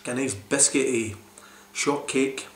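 Taking it slowly with fairly even intonation, a man in his forties with a mid-range voice rambles enthusiastically through a beer review to camera, using lots of fillers. The casual vlog is shot in a small room, and the echoey, roomy home recording carries a little hiss or hum.

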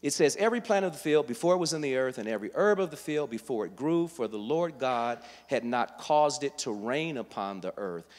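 Guy preaching in a church, teaches verse by verse then gets loud and emphatic, big echoey hall. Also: medium pitch, lively intonation, brisk, hardly any pauses. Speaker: guest preacher. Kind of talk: sermon. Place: church sanctuary.

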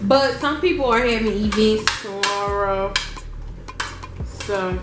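A woman's voice: medium pitch, takes it slowly, noisy background. A woman vlogging as she cooks, chatting casually and straight to her viewers. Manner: chatty, talks straight to viewers while cooking. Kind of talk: casual cooking vlog. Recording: loud music behind her voice. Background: music.

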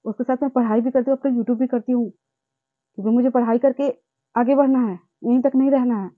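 A woman's voice: fairly high pitch, steady tone, fairly quick, dry recording. A young woman vlogging about her own life, speaking in an impassioned, repetitive and indignant way. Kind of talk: emotional personal vlog monologue. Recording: tinny phone-like sound.

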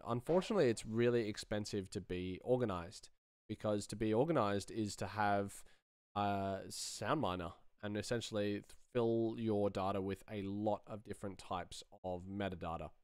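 An Australian man in his thirties, working as a sound designer and live streamer, chats casually and offhandedly into a nearby desk mic while he works, answering chat as he goes. His voice is lowish, darkish, clear and resonant, at a moderate pace. He's in a small indoor room, yet the recording carries no room sound.

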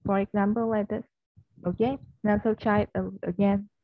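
A woman's voice: medium pitch, flat delivery, moderate pace, no room sound. Vietnamese-speaking woman tutor, coaxing, checking in often; dry, slightly dull call audio. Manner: coaxing, keeps checking with "yes or no?" and modelling stressed words. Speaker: online English teacher. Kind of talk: one-on-one online English lesson.

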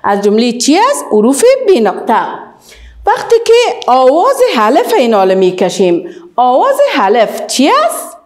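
A woman's voice: on the high side, huge pitch swings, a little mellow. A woman with an Afghan Dari accent teaching the alphabet to young children, stretching out model words and praising often. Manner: sing-song, drawn-out model words, praising.

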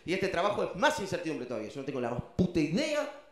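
Echoey Argentine comedian doing stand-up. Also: male voice, on the high side, fast. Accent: Rioplatense Spanish. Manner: animated storytelling, acts out voices. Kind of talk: stand-up routine.

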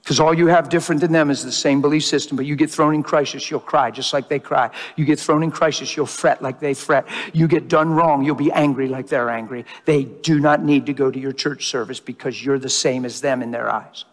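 A man preaching a sermon, telling a story with animated energy and acting out the dialogue. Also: medium pitch, fairly quick, few pauses. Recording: long hall reverb.

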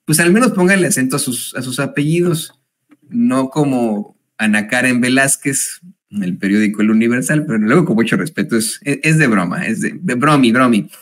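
A man's voice: mid-range voice, normal speed. A Mexican-accented man hosts a commentary show with a mid-range voice. He reads the news aloud and breaks in with sarcastic, chatty remarks. His speech is full of hesitations. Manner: frequent hesitations and laughs. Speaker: host.

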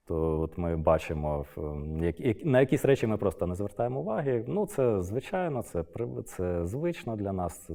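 A man's voice: low voice, dark tone. A middle-aged man giving an unscripted lecture, hesitant, with many filler sounds and restarts. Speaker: Arabist lecturer.

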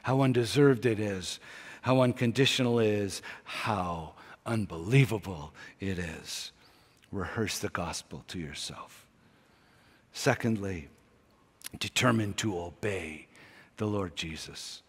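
Slow, intense male preacher in a reverberant hall. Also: fairly low pitch, husky. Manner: slow, intense preaching that swings from loud urging to hushed near-whispers. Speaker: pastor. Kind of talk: sermon. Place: large church sanctuary. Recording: long church-hall reverb.

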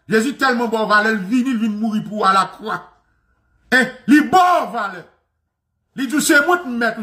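A man with a Haitian accent in a fiery, mocking religious rant, repeating insults and shouting. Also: high-pitched. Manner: mocking, shouting, repetitive, laughing scornfully. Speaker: radio commentator.

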